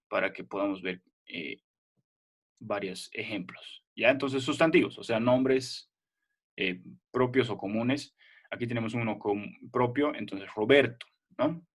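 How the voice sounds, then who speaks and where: Patient male teacher checking understanding. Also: medium pitch. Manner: patient, checks in often with short questions. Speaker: primary school language teacher. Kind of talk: online class explanation.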